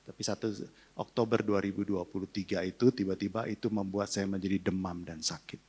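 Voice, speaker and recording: Older guy pastor, low husky voice, emotional testimony sermon. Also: fairly even intonation, fairly quick, darkish tone. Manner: personal testimony, emotional, leads prayer.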